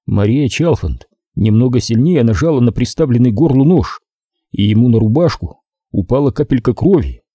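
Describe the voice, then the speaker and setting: A male narrator reads a thriller audiobook in a very dark, husky voice. His delivery is measured and dramatic, and his pitch moves lively through each sentence. He is recorded on a dry, close mic. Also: no echo.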